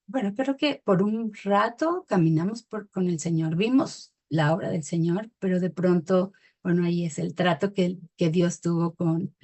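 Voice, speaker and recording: A middle-aged woman telling her personal faith testimony in a reflective, hesitant way, pausing often with fillers. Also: lowish voice, mellow. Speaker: testimony speaker.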